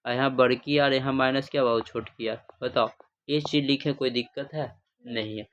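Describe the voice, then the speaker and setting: A male teacher gives a math lesson on a livestream. His voice sits at a middle pitch as he keeps asking "what is it?" and repeats each answer. Faint noise and clicks are heard behind him. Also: steady tone, normal speed, highs cut off. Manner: call-and-response questioning, repeats answers, calls students "babu".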